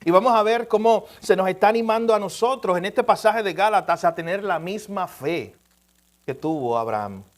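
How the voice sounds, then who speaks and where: A man preaching a sermon in a noticeably high voice. He tells his story with emphasis and laughs at himself along the way. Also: normal speed.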